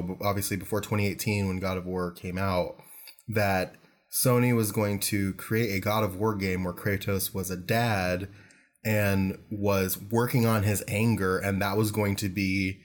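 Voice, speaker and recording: A man co-hosting a podcast in casual chat, talking into a microphone and teasing his partner with dry humor. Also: on the low side. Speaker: podcast co-host. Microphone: studio podcast microphone.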